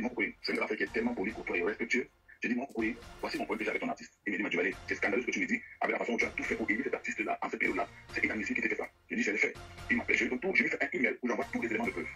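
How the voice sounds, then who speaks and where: Rapid, insistent man with a bright voice. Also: fairly low pitch, poor audio. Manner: rapid, insistent, repeats and stumbles over words. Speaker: guest telling of a money dispute with an artist. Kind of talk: heated personal account.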